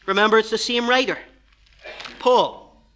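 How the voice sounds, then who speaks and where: A man preaching a sermon with an impassioned delivery that swings between loud declarations and quiet asides, perhaps. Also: sits high, unhurried.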